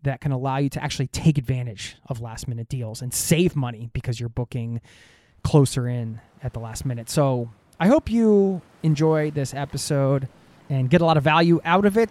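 A man's voice: a little high, a little mellow. A man hosting a travel podcast, chatting casually with his guest in a friendly, joking way. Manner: friendly, joking, easygoing banter. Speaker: podcast host. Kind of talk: casual conversational interview.

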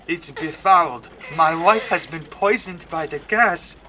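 An actor playing a downtrodden, anxious husband pleading earnestly in a period drama. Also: male voice, a little high, unhurried, pushed and bright, slight background noise.

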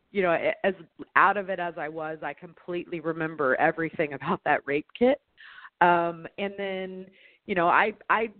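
A woman with a fairly low voice speaks as an interview guest, recounting her own experience in the first person and often repeating phrases while she searches for words. The recording has no echo but sounds tinny and narrow, like a phone.

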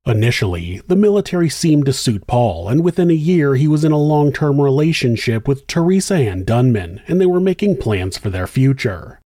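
A man narrating a true crime show as its host, in a suspenseful, measured and grave scripted storytelling style. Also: medium pitch, dark tone, no echo, clean studio sound.

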